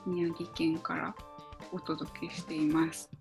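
A woman's voice: low-pitched, flat delivery, slow, vocal fry, faint music behind. A woman in a casual chat, speaking politely and laughing often. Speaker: podcast member.

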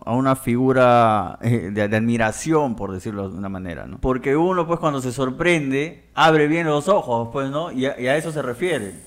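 Measured man. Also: mid-range voice. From Peruvian Amazon. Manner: explanatory, measured, hedging with "¿no?". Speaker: podcast co-host. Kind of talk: casual podcast chat.

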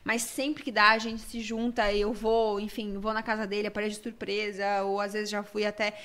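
Uma mulher jovem, convidada de uma entrevista, que conta histórias com animação e imita diálogos. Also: female voice, medium pitch, normal speed, smooth. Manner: animated storyteller, acts out quoted dialogue. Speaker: interview guest. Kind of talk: casual interview chat.

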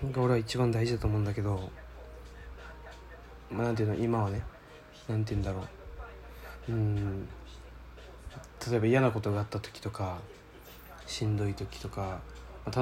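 A man's voice: fairly low pitch, mellow. A man hosting a casual solo radio-style show, reading listener mail and talking in a rambling, laid-back, slangy way while searching aloud for his words.

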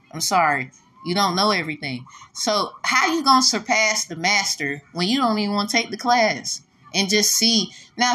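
Blunt, profane woman vlogger, bright voice. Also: on the low side. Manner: blunt, profane, preachy and rambling. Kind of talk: casual rambling monologue.

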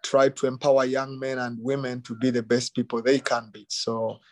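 A middle-aged man from Uganda, a youth soccer academy director, talking in a relaxed interview and often saying "you know" and "um". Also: mid-range voice, normal speed, no room sound. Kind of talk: casual interview.

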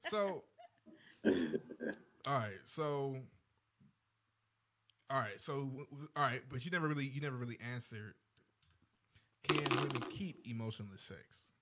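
Animated man hosting a playful chat. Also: medium pitch, moderate pace, pauses often, a little hiss or hum. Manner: playful, joking. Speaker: podcast host. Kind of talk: casual chat.

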